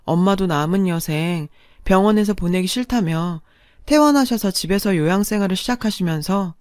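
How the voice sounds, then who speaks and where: A woman's voice: medium pitch, moderate pace, a little mellow, dry recording, clean studio sound. A middle-aged woman narrating her own family story in a confessional, emotional way.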